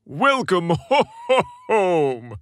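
A man voicing a jovial, fatherly old Santa Claus from a storybook, hearty, measured and commanding. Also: sits high, big pitch swings, no room sound, clean studio sound, pitched above the performer's own voice, full character voice. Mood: booming, welcoming.

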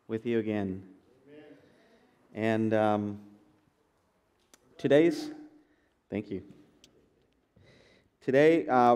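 Pastor, smooth clear voice. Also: male voice, medium pitch, darkish tone. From Guatemala. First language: Spanish. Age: 30s. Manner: conversational, frequent fillers and restarts. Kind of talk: sermon testimony. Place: church sanctuary.

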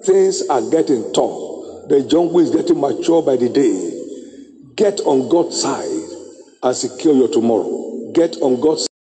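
Middle-aged man, bishop's sermon, slow emphatic delivery, mellow tone, long reverb of a big hall. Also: big pitch swings. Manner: slow, emphatic preaching with drawn-out phrases and sudden high exclamations. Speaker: bishop preaching. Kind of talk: sermon exhortation. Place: large church auditorium. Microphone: handheld mic.

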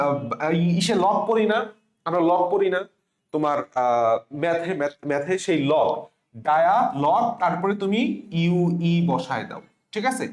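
A man teaching spelling for exam prep, spelling words letter by letter and having students repeat after him. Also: high-pitched. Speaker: spelling tutor for medical admission students. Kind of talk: classroom-style exam lesson. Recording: echoey room.

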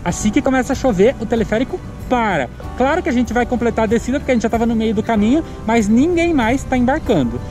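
A man's voice: very high voice, lively intonation, quick pace, few pauses. A man in his thirties talking to the camera outdoors as a travel vlogger, upbeat and giving tips straight to the viewer. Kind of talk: casual travel vlog narration. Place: outdoors, on a cable car and a hilltop. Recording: music playing behind the voice. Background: background music.

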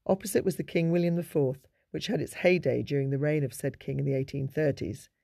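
A man giving a measured, informative narration of local history in a scripted documentary style. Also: fairly high pitch, fairly even intonation, gravelly, dark tone, dry recording, clean studio sound.

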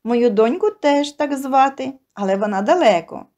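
A woman voicing a kind, gentle middle-aged flower seller who speaks soothingly in an audio story. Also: high voice, animated, normal speed.

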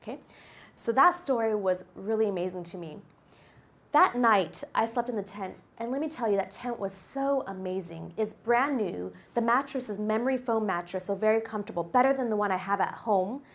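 A woman in her forties speaks into a handheld microphone on a lecture hall stage, giving a guest lecture as a company executive. Her voice sits at an ordinary middle pitch. She tells personal anecdotes to the class with an upbeat, storytelling energy. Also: moderate pace. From United States. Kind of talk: presentation to a university class.

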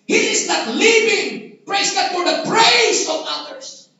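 A Filipino pastor preaches in a high, bright, forceful voice, often shouting for emphasis. He is heard from far off in a very echoey hall. The recording is dull and lo-fi. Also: slow pace, gravelly. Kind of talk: sermon.

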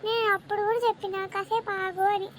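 A woman's voice: very high-pitched, level tone, fast talker, background noise, voice pushed down. Woman doing a snappy bossy cartoon daughter. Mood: impatient. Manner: snappy, scolding. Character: sharp-tongued grown daughter, bossy and impatient.

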